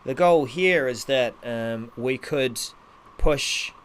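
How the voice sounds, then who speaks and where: A man's voice: mid-range voice, slow, fairly bright tone. A man co-hosting a casual tech show, hesitant and thinking aloud. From New Zealand. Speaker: co-host of a live tech show. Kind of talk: casual unscripted tech chat. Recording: noisy, rain drumming on roof behind. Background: heavy rain on the roof.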